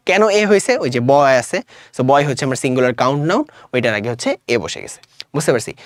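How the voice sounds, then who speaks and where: A man's voice: medium pitch, dry recording, studio quality. A man with a Bangladeshi Bengali accent teaching an online grammar lesson in a casual way, often checking if students follow. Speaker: English teacher.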